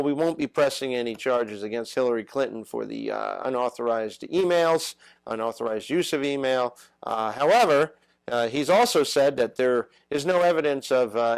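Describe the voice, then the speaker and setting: A man hosting a political talk show, his voice sitting in an ordinary middle register. He talks haltingly and fills gaps with "uh". The recording is dry and close, with no room sound. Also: medium pitch, no room sound, poor audio. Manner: halting, many "uh" fillers.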